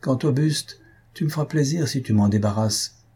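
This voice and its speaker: A man's voice: mid-range voice, normal speed, mellow, breathy edge, voice pushed up. A man reading the part of a mocking, brash young male student who hosts a rowdy gathering in a storybook. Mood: offhand. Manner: scornful, brash.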